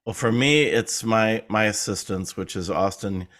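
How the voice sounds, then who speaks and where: A man's voice: on the low side, unhurried, a bit bright. A man talking as a guest in a podcast interview, rambling and conversational with a self-deprecating streak. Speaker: guest, film producer.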